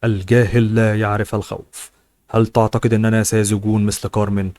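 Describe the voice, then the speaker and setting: A man's voice: lowish voice, flat delivery, a little fast, darkish tone, no echo, close to an everyday voice. A man voicing a mocking, arrogant rich relative in an audiobook. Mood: sneering. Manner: sneering, mocking.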